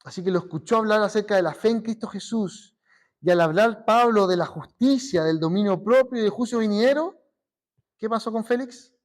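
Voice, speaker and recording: A man's voice: high-pitched, fairly quick. A man with a Chilean accent preaching a sermon as pastor, earnest, often asking his listeners rhetorical questions and acting out short quotes. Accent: Chilean Spanish. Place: church.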